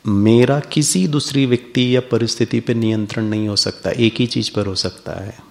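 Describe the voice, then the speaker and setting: A man's voice: medium pitch, steady tone, moderate pace, gravelly, a little mellow. A man giving a playful spiritual lecture to a live audience, coaxing them through a smiling exercise. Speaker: spiritual speaker.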